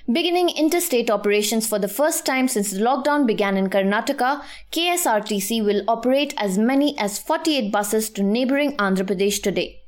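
A woman with an Indian English accent presenting scripted news in a measured, formal and articulate manner. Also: a little high, lively intonation.

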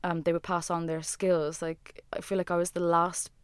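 A woman with a smooth, clear, slightly low voice, recorded close and dry. She chats casually as an interview guest, rambling and scattering "like" fillers through her sentences. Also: flat delivery, moderate pace, dry recording. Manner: rambling, heavy use of "like" fillers. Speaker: guest, musician and former designer.

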